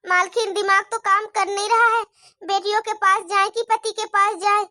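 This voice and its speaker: A woman's voice: very high-pitched, little pitch movement, moderate pace, bright, forceful tone, no room sound, clean studio sound. A woman voicing a worried, tender young mother in a cartoon story, anxious and doting.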